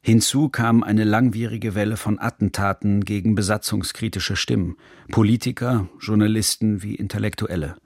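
A man reading a scripted radio documentary narration in a measured, serious manner, recorded in a studio. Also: lowish voice, steady tone, darkish tone, no room sound.

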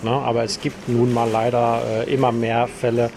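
A man's voice: mid-range voice, completely flat delivery, moderate pace, crowd noise. A man, a store owner, explaining his views in a conversational interview. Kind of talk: interview statement.

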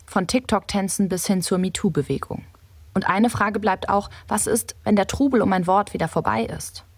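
A woman reporter reading a scripted radio feature in a measured, explanatory way. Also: mid-range voice, husky, no room sound.

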